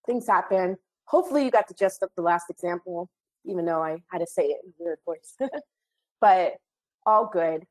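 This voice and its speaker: Slightly hoarse woman wrapping up a webinar. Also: lowish voice, moderate pace, a little mellow, low-quality recording. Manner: chatty, friendly, apologetic asides. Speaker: webinar trainer. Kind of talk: online training webinar wrap-up.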